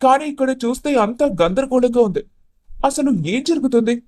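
A man voicing an upset, confused young groom in an animated story who presses with emphatic, pleading questions. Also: extremely high pitch, normal speed, no echo, studio quality.

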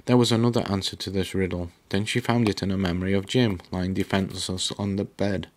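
A man narrating a novel aloud in a steady, dramatic reading with small slips. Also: sits low, a little fast. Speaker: book reader. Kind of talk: audiobook narration.

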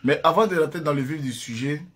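A man's voice: fast talker, slightly rough. A man hosting a casual live stream, speaking directly to his viewers, often repeating himself. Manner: taunting, laughing, rising to shrill highs; repetitive, addresses viewers directly. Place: at home, seated. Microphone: phone or webcam.

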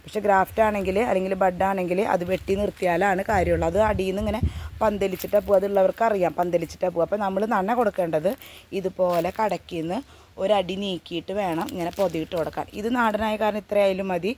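A woman's voice: mid-range voice, steady tone, fast, darkish tone, a little hiss or hum. A woman speaks outdoors in her home garden, in a casual how-to vlog. She talks earnestly, repeating her warnings and tacking friendly little checks onto her advice. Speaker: gardening vlogger.

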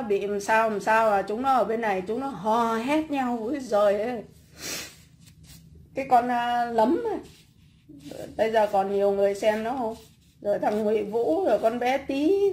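A blunt, scornful woman rants on a casual livestream from her home. Her voice sits a little high, and she stumbles over repeated fillers while she works on cakes in her kitchen. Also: a little mellow, slight background noise. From Vietnam.

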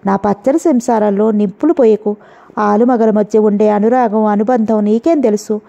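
A woman voicing a jealous young wife who speaks in sharp, sarcastic taunts, read in a storybook. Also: medium pitch, normal speed, creaky, lightly acted. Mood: accusing. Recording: dull lo-fi audio.

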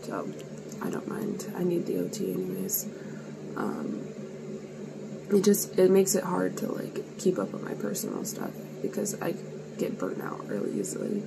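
A woman's voice: lowish voice, wildly swooping pitch, normal speed, vocal fry, very noisy. A tired woman in her twenties chatting candidly to camera in a rambling, self-deprecating way, with some swearing, partly outdoors in the cold and partly at home. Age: 20s. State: sleepy and worn out. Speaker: vlogger. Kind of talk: casual vlog chat.

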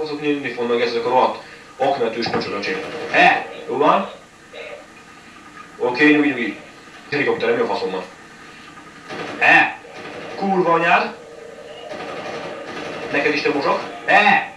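A man giving live commentary on his own game run, cursing all the time and snapping into angry yells. He sounds set back from the mic in an echoey room, with a faint hiss underneath. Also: a little high, animated, long pauses, recorded from a distance. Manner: swears constantly, frustrated outbursts. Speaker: gamer commentating a playthrough.

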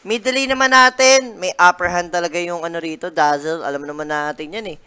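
A man's voice: sits high, sharp tone, clear, resonant tone. Male esports caster, casual play-by-play, teasing banter. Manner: teasing banter, quick bursts of laughter. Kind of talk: casual game commentary.

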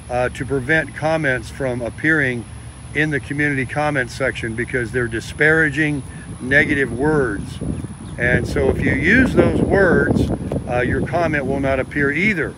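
This low-quality recording captures an American man with a mid-range, sharp-toned voice chatting casually to camera. He explains things in a rambling, conversational manner while in a car and outdoors in a parking lot, with car and outdoor noise clearly present.

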